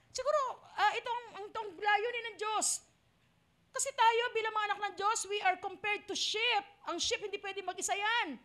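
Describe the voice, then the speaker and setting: A woman's voice: extremely high pitch, bright, forceful tone. A woman pastor with a Filipino accent preaching a sermon, dramatic and acting out the cries of the lost. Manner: dramatic, acts out voices of the lost.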